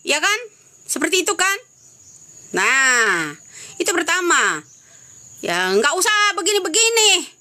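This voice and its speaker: Scolding high-voiced woman on a live stream. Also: big pitch swings, unhurried, long pauses, bright, forceful tone. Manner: scolding, repetitive, rhetorical questions. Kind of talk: angry live-stream commentary.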